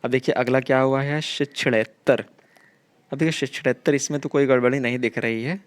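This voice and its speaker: A man's voice: mid-range voice, steady tone, fairly quick. A man teaching a grammar lesson for exam preparation, explaining correct spellings and idioms, often repeating himself. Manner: repetitive, explanatory, keeps saying 'dekhiye' and 'theek hai'.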